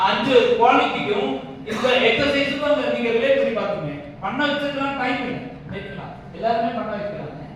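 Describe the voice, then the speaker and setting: Recorded on a distant mic in an echoey hall with faint ambience and slight background noise, a woman with a fairly high voice runs a public speaking workshop. Her lecture includes demonstrations, and after explaining points she checks understanding with frequent questions.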